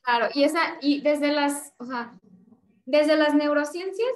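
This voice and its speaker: A woman psychologist, explaining calmly and didactically in an interview and acting out examples. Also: sits high, unhurried. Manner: calm, didactic, acts out examples. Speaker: psychologist guest. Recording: roomy echo.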